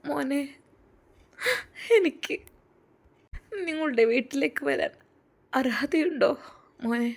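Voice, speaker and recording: A woman voicing a humble older woman who speaks softly and hesitantly. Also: high-pitched, slow, vocal fry, pauses often, heavily acted. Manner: soft, hesitant, pleading.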